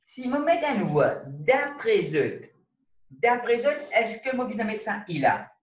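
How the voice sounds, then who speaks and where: Guy teaching a class, explains slowly and keeps asking if u follow, bouncy pitch, echoey far-off mic. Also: big pitch swings. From Mauritius. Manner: explains step by step, keeps checking students follow. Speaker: Arabic teacher. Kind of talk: online class lecture. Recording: roomy, distant with faint noise.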